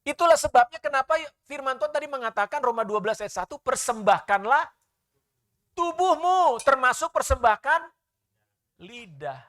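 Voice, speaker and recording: Male pastor, lively sermon delivery with sharp swings in volume, questions his congregation. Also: extremely high pitch, a little fast. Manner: animated preaching with sudden loud and soft swings.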